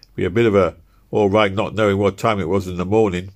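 A man's voice: deep voice, steady tone, quick pace, close to an everyday voice. Worried working husband, read by a man, apologetic and anxious. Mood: fretful.

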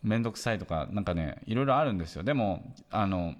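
A man's voice: fairly low pitch, animated, fast. A man talking casually as a business coach, stretching key words for emphasis and using many fillers.

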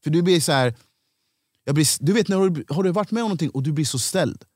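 A man's voice: fairly high pitch, dry recording, clean studio sound. A man, a stand-up comedian, telling stories in a casual podcast chat, acting out the people he quotes. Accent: Swedish. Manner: animated storyteller, acts out quoted voices.

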